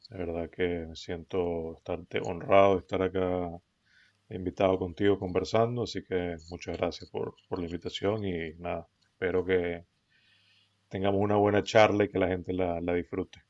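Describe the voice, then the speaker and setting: A middle-aged man with a Venezuelan accent, telling his story as a podcast guest in a relaxed, rambling way with many fillers and restarts. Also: low-pitched, normal speed, no room sound. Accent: Venezuelan Spanish. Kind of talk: casual conversational storytelling. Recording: dull lo-fi recording.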